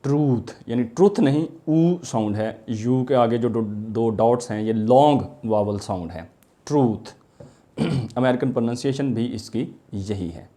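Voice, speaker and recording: Mellow-voiced man teaching pronunciation. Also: mid-range voice. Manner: slow, drawn-out model pronunciations of words. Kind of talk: lecture mixing Urdu and English.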